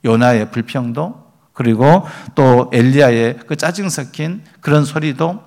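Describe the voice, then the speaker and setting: A man's voice: mid-range voice, unhurried, darkish tone. A man preaching a sermon as pastor, reading scripture aloud and building emphasis.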